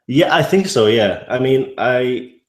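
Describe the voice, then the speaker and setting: An Irishman with a mild accent chats casually as an interview guest, a YouTube narrator who rambles and restarts often. His mid-range voice is expressive and unhurried, with a roomy sound.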